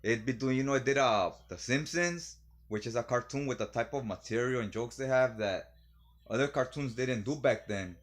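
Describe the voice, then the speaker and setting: A man's voice: mid-range voice, moderate pace. A man hosting his own vlog, talking loosely and rambling in casual commentary while a little tipsy from drinking. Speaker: video host.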